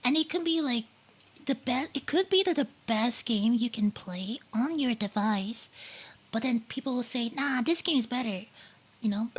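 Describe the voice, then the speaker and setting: A woman's voice: a little high, animated, normal speed, husky. A woman streaming live, chatting casually and rambling about games while reading chat messages aloud, with many fillers and some whispered asides. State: eating while talking. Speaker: livestreamer.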